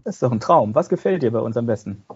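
A man's voice: medium pitch, expressive, fast talker, slightly rough, highs cut off. A man hosting a company podcast, asking interview questions from a plan and slipping in jokes. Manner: jokey, reads questions from a plan.

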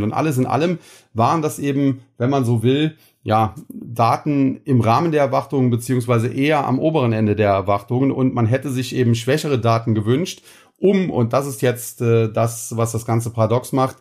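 Despite a cold, this podcast host walks through the latest stock market news in a relaxed way, often filling pauses with little sounds. He speaks in a mid-range, slightly mellow voice.

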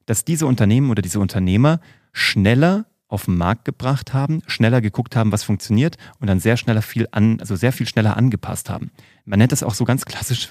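A man's voice: on the low side, a little mellow, no echo, clean studio sound. A man hosting a podcast as a coach, giving a motivational monologue and addressing the listener informally and directly.

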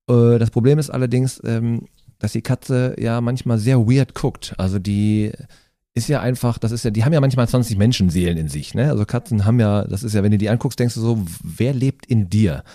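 Lively storytelling man with a dark voice. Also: medium pitch, brisk, no echo, clean studio sound. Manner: animated, many fillers, acts out voices. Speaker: guest, stand-up comedian and hairdresser. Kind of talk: comedic storytelling in conversation.

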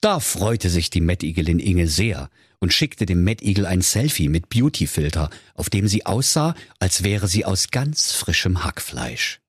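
A man's voice: deep voice, expressive, a little slow, hardly any pauses, slightly rough, dry recording, studio quality. A man narrating a comic fairy tale in a mock-solemn storybook manner.

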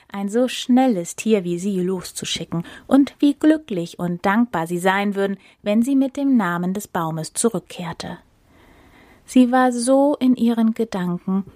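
Brief: woman podcast storyteller, even pace, dry studio sound. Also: mid-range voice, no echo. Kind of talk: fairy tale read aloud.

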